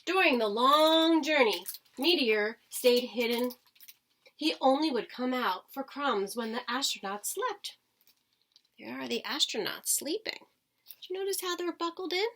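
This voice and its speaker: In a high, somewhat bright and expressive voice, a woman reads a children's storybook at a measured pace. Her teacher-like delivery carries dramatic emphasis, and she adds brief asides to those listening.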